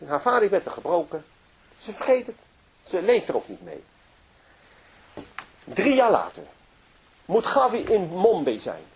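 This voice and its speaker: A man's voice: sits high, wildly swooping pitch, unhurried, long pauses, husky. A man telling a moving story in a religious lecture, narrating with emotion and frequent restarts. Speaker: religious speaker.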